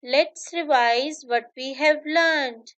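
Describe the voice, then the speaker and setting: Woman, Pakistani accent, kindergarten teacher in kids' show host manner; fairly high voice, extremely slow, deliberate scripted delivery. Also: a bit bright, lo-fi sound. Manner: kids' show host, addressing children in simple phrases. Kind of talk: scripted lesson for young children.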